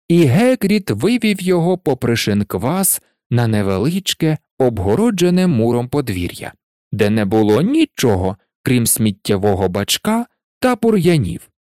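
Male narrator, animated audiobook read, dry close recording. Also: medium pitch, a little slow, no room sound.

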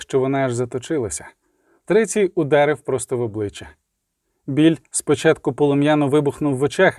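A man narrating a fantasy audiobook in a measured, dramatic way. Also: on the high side, a little mellow, no echo, studio quality.

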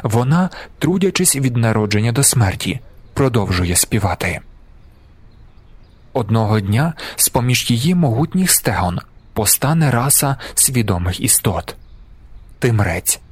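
Male audiobook narrator, mid-pitched, measured and deliberate. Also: sing-song, husky, dry recording. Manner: measured, slowing for emphasis. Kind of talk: scripted narration.

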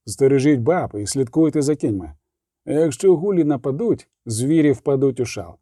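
A man voicing a calm, terse male monster hunter in an audiobook, speaking slowly and flatly. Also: medium pitch, slightly rough, no echo. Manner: terse, level, unhurried. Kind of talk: audiobook character voice.

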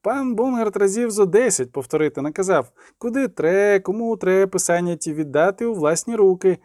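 A man's voice: high-pitched, animated, normal speed, darkish tone, no room sound, clean studio sound, voice pushed up. Man doing a fawning rustic peasant lad. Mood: eager. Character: servile eager young male peasant lad.

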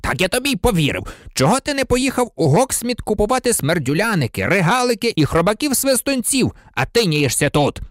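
A man's voice: sits high, sing-song, a little fast, few pauses, no echo, clean studio sound, pitched above the performer's own voice. A man voicing a suspicious, grumpy old male caretaker in an audiobook, who barks and splutters his words. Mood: angry. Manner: barking, spluttering.

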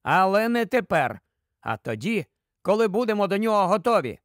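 A man's voice: sits high, sing-song, normal speed, dry recording, studio quality. A man doing a firm loyal forest creature. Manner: firm, decisive.

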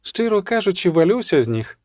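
A man reading the part of a sharp-tongued young sorceress in an audiobook, with ironic, sarcastic delivery. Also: high-pitched, very animated, brisk, no room sound, clean studio sound, voice pushed up. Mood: weary.

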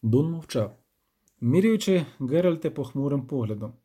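A man reading an audiobook in calm, even scripted narration. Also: a little high, moderate pace, husky.

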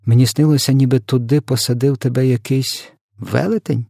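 A man's voice: medium pitch, steady tone, normal speed, gravelly, no echo, clean studio sound, voice pushed up. A man voicing a startled, commanding queen. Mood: wondering. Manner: sharp and commanding, drops to a hushed whisper. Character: startled, dignified queen woken from a dream.

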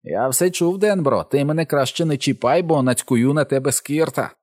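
A man's voice: fairly high pitch, moderate pace, darkish tone, no room sound, clean studio sound, pitched above the performer's own voice, natural voice. A man voicing a brash, showy, wisecracking boy of about eleven in a storybook reading. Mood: teasing.

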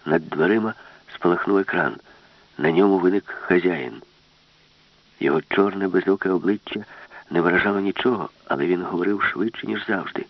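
Husky man narrating a storybook. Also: deep voice, brisk, no room sound, dull audio. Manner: expressive storytelling. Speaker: audiobook narrator.

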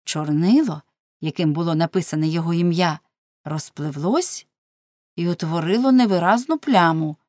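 Lower-voiced woman reading a novel aloud. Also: dry recording, studio quality. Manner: measured, expressive reading. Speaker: narrator. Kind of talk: audiobook narration.

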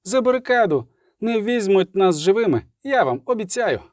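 A man voicing a fierce woman mercenary who shouts defiant battle cries. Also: high-pitched, sing-song, a little fast, no echo, pitched above the performer's own voice. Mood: commanding.

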